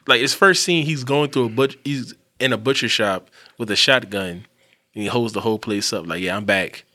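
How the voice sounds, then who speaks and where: A man chatting casually about TV shows as a podcast co-host, rambling and animated, swearing freely. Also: medium pitch, moderate pace.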